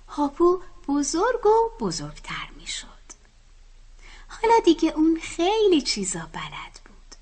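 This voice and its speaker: A woman reading a children's animal story aloud in a soft, hushed whisper. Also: high voice, husky. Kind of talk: whispered bedtime story narration.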